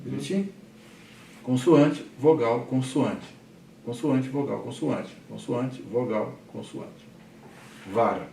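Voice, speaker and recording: Um homem com sotaque brasileiro dando aula em sala, falando com paciência e repetindo termos devagar, sempre perguntando "tá?". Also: male voice, medium pitch, gravelly, darkish tone, a little hiss or hum. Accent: Brazilian Portuguese. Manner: patient, repeats terms slowly, asks "tá?" often. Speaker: teacher. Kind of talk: classroom lecture. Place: classroom. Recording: echoey classroom from a distance.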